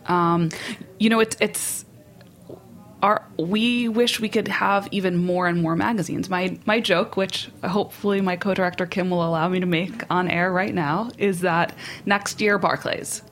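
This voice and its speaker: A woman's voice: lowish voice, steady tone, measured pace. A woman guest on a radio show, co-directing an event and talking in a friendly, rambling way with frequent restarts. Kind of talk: casual radio chat.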